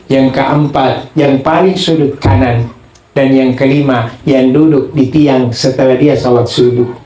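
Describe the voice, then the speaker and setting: A man's voice: medium pitch, unhurried, roomy sound, rough recording. A man with a Buginese accent preaching a humorous Islamic sermon, telling stories, acting out voices and chanting prayers. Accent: Buginese-accented Indonesian. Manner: animated storytelling, acts out voices, chants prayers.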